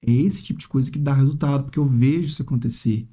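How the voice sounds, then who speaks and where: A man's voice: medium pitch, steady tone, fast talker, warm tone. A man teaching English in a casual, chatty monologue, often ending phrases with tag questions and acting out hesitant students. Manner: chatty, frequent "né?" tags, acts out hesitant students.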